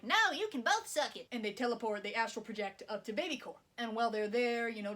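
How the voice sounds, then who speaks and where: Wry woman recapping a movie. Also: mid-range voice. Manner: wry, sarcastic, casual swearing. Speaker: video essayist.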